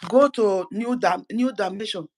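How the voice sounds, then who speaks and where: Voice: medium pitch, normal speed, poor audio. A speaker gives an impassioned political address as an activist, fervent and full of repeated words and restarted phrases.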